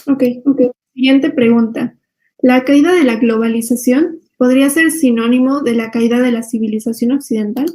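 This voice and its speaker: A woman's voice: fairly high pitch, moderate pace, darkish tone, poor audio. A woman moderating, reading out audience questions with brief, matter-of-fact prompts.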